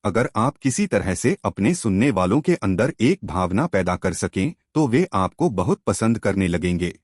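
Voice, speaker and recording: A man's voice: lowish voice, big pitch swings, measured pace, slightly rough, no echo, clean studio sound. A man narrating an audiobook-style book summary, explaining points and speaking directly to the listener with questions.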